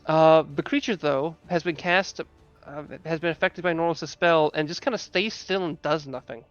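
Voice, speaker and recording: Man, game master, halting improvised narration, dry close sound, dull lo-fi recording. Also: fairly high pitch, clean tone, no room sound, soft background music. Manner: halting, searching for descriptions.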